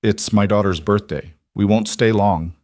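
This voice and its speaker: A man's voice: fairly low pitch, moderate pace, darkish tone, no echo, studio quality, close to an everyday voice. A man voicing a struggling single father who speaks in a strained, pleading way.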